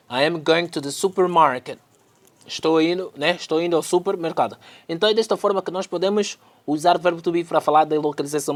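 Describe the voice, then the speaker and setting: Male teacher with a high voice. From Angola. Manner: explains slowly, repeats the English phrases and then translates them. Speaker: English teacher. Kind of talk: online English lesson in Portuguese.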